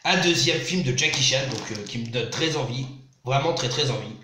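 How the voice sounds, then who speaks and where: A man's voice: medium pitch, moderate pace, sharp tone, reverberant, slight background noise. A man with a sore throat, enthusiastically unboxing films and reading their blurbs aloud in a casual vlog. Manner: enthusiastic, reads back-cover blurbs aloud. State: slightly sick with a sore throat. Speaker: YouTuber unboxing film DVDs. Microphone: phone.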